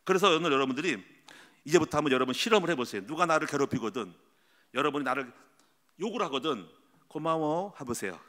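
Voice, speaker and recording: A middle-aged male pastor preaching a sermon, telling stories with lively energy and acting out the voices he quotes. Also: medium pitch, quick pace. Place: church sanctuary. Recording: long hall reverb.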